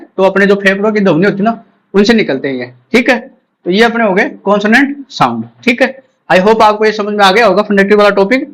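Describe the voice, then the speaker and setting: Man, high voice, english teacher, exam-prep lesson, drills sounds slowly. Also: fairly bright tone, rough recording. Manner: repeats points, drills sounds slowly aloud.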